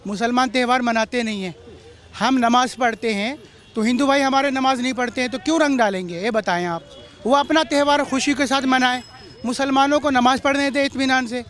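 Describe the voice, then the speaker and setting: A man with a strikingly high-pitched voice speaks to a reporter out on a street. He sounds indignant and emphatic, and he drives each point home by saying it again. He comes across as a member of the public giving his view in a street interview. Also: a bit bright.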